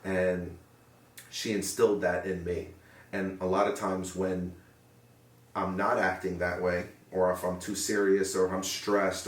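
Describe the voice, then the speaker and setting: A young man speaking in an interview in an earnest, reflective way, often pausing to search for words. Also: sits low. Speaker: interviewee, paramedic. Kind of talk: sit-down interview. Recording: roomy sound from a distant mic.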